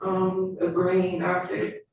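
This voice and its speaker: A woman's voice: lowish voice, flat delivery, takes it slowly, creaky, a little hiss or hum. A woman giving formal testimony as a witness in brief, reserved answers. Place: indoor courtroom witness box. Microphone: courtroom microphone. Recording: very echoey room, distant dull mic.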